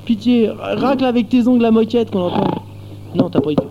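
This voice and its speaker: Taunting high-pitched radio co-host man. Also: fairly quick. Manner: taunting, crude. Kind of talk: crude prank call-in banter. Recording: dull lo-fi radio tape with noise.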